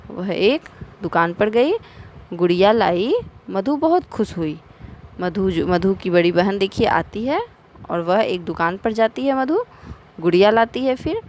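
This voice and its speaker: Woman teacher, patient and slow, sounds out each syllable for young pupils; faint noise behind. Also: medium pitch, poor audio. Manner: slow, syllable-by-syllable spelling out of words. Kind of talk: primary school Hindi lesson.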